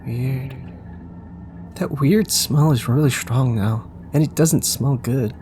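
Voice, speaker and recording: A man narrates a scripted audio story in the second person, his medium-pitched voice mellow and unhurried. Faint background noise and ambience sit behind him.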